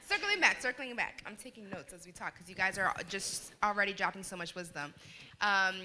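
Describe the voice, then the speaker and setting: A woman's voice: medium pitch, bright, forceful tone, a little hiss or hum. A woman moderating a live panel, chatty and playful as she asks questions.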